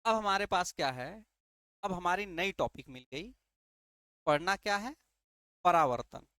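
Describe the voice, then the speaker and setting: A man's voice: high voice, expressive, a little slow, a bit bright, clean tone, dry recording. Guy teaching a class, keeps asking and answering his own questions, says ok a lot, dry close sound. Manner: asks rhetorical questions and answers them himself; repeats key terms and checks understanding with "ठीक है". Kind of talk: classroom-style exam prep lesson.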